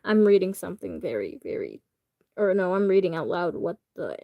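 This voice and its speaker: A woman's voice: lowish voice, very animated, normal speed, creaky, dry recording, highs cut off. A woman streamer chatting casually to her viewers during a reaction stream, rambling and hesitant with lots of fillers. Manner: talks to chat directly. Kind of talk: casual livestream reaction chat.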